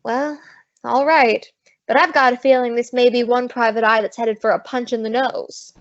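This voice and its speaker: High-voiced wisecracking Maisie, played by a woman. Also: steady tone, moderate pace, lightly acted. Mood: skeptical, wry. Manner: sassy, slangy delivery. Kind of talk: old-time radio comedy acting. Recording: dull lo-fi close dry recording.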